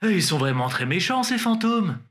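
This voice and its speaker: Childish, naive sidekick man voicing, hesitant and lively, faint music underneath. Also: sits high, normal speed. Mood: innocent. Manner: hesitant, innocent.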